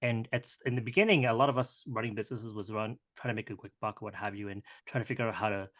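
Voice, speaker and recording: A man's voice: fairly low pitch, a bit bright. A man in his thirties, from Hong Kong and raised in Canada, answers interview questions in a conversational way, often restarting his sentences. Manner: conversational, halting with many restarts and fillers. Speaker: guest entrepreneur.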